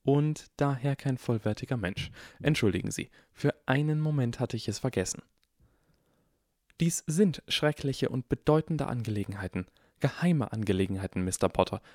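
A man's voice: medium pitch, lively intonation, normal speed, darkish tone, dry recording, clean studio sound, voice pushed up, natural voice. A man voicing a strict elderly female professor in a harsh, clipped whisper, reading an audiobook. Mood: stern hushed.

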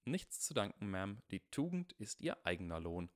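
A man voicing a precocious, earnest young boy who reasons carefully and deliberately, as in an audiobook. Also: on the low side, sing-song, no room sound, studio quality. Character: precocious earnest eleven-year-old boy wizard.

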